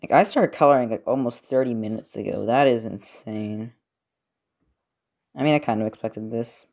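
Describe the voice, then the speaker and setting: Young male creator, loose rambling voice-over, everyday mid pitch, frequent fillers and self-corrections. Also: fast talker, vocal fry, a little mellow. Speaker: robot-building video creator. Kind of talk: casual commentary while working. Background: TV football game.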